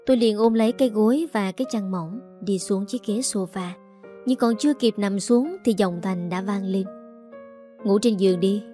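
A woman's voice: mid-range voice, moderate pace. A woman narrating a first-person family story as an audiobook reader, voicing the lines of every character. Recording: soft music underneath.

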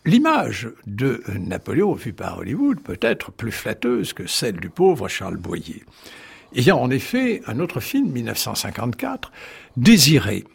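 A male historian with a gravelly, deeply husky voice talks through a radio studio interview. His pitch swings widely as he tells it, full of wry asides and false starts. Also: measured pace. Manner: animated storyteller, wry asides and restarts. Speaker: historian guest. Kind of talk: radio interview, explaining at length.

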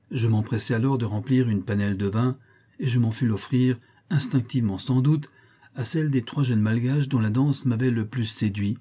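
A man reading a first-person adventure memoir aloud as an audiobook, in a measured, expressive way. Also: mid-range voice, husky. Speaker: audiobook narrator. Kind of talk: audiobook narration.

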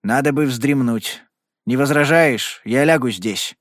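A man's voice: mid-range voice, unhurried, no room sound, clean studio sound, natural voice. A man playing a terse, grim cowboy gunman. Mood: dry. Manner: terse, sullen, threatening. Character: big, hungry, grim young cowboy gunman.

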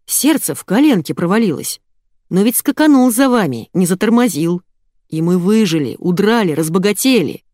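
Woman doing a hoarse-voiced burly bodyguard. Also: big pitch swings, moderate pace, dark tone, dry recording, clean studio sound, natural voice. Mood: coaxing. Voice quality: hoarse bass. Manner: coaxing, persuasive. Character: burly male bodyguard, old loyal crony.

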